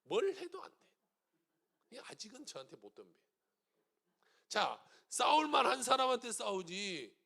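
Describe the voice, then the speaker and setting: A middle-aged man preaching a sermon as pastor of a church, dramatic, swinging from loud shouted commands to hushed asides. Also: very high-pitched, big pitch swings, measured pace, gravelly, pauses often. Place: church sanctuary.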